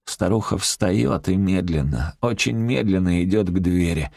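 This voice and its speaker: A man's voice: low-pitched, vocal fry, a little mellow, no room sound, clean studio sound. A man narrating a story in the first person as a brash, crude-talking outlaw. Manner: brash, crude street talk, rapid storytelling. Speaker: audiobook narrator.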